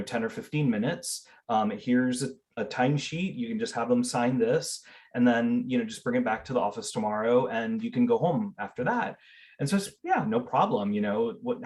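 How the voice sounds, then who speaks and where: A middle-aged man who grew up speaking Spanish tells stories earnestly as an interview guest in a casual setting, with lots of fillers and restarts. His voice is medium-pitched with a darkish tone.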